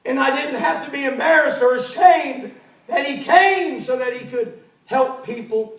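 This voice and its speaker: A man playing a joyful healed woman, earnestly recounting her cure. High voice, roomy church echo, distant mic. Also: a little slow, a bit bright, exaggerated voice. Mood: relieved. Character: woman healed after years of illness, joyful.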